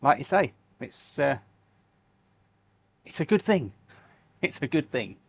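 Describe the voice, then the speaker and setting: Slow, relaxed man chatting. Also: medium pitch, creaky, breathy edge. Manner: relaxed, chatty, reads and answers viewer comments. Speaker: livestream host making fishing lures. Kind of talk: casual live-stream chat while crafting.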